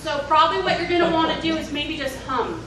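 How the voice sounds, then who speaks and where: A woman's voice: high voice, quick pace, crowd noise. A woman playing a mock-earnest radio host giving advice in an improv comedy sketch. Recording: echoey stage, far from mic, noise.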